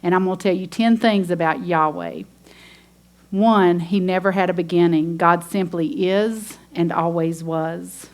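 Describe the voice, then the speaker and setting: A woman's voice: lowish voice, fairly even intonation, measured pace. A woman teaching a women's ministry sermon, earnest and emphatic, reading scripture aloud.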